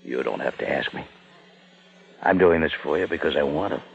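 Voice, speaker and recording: An actor playing a tough private detective, narrating and talking in a clipped, dry way in a 1940s radio drama. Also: male voice, very deep voice, a little fast, vocal fry, slightly rough, dull audio, full character voice. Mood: tense. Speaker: lead and narrator. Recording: old radio broadcast with music.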